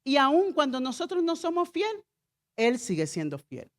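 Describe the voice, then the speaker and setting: A woman's voice: high-pitched, huge pitch swings, normal speed. A middle-aged woman pastor preaching a sermon with emphatic repeated refrains and call-and-response to the congregation.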